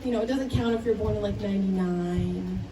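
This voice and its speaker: A woman's voice: medium pitch, brisk, reverberant. A woman doing a chatty, self-amused stand-up roast set at a party. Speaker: roast comedian. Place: house party room with a crowd. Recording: distant mic with loud crowd. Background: loud crowd noise.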